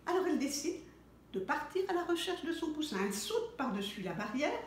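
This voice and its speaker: Storyteller: woman, high lively sing-song reading, echoey room, faint hiss. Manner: slow, very expressive, sing-song. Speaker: storyteller for children. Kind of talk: reading a picture book aloud.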